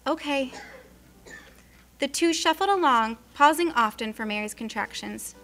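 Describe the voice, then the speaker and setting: Bright, high-voiced woman telling a story. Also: expressive, normal speed. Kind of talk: scripted story narration. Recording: faint music underneath.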